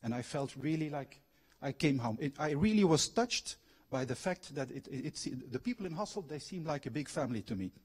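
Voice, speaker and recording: A middle-aged Belgian who grew up abroad lectures fairly quickly in a slightly high, expressive voice that is darkish with a breathy edge. Formerly a factory manager and now a trained coach, he addresses a university lecture hall, weaving in personal anecdotes and questions for the audience.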